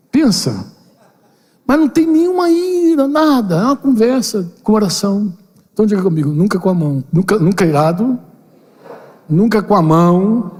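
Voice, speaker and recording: An older man, a pastor, giving a lively conversational sermon to a seminar, acting out little dialogues with playful slang. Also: sits high. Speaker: pastor leading a parenting seminar. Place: church building hall. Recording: long hall reverb.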